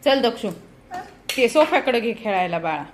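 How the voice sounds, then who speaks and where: A young woman with a Marathi accent chatting in a family vlog, talking softly to the camera and calling out loudly to her small children. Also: fairly high pitch, very animated, normal speed, slight background noise. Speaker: vlogger and mother. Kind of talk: casual family vlog chat. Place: home and school grounds.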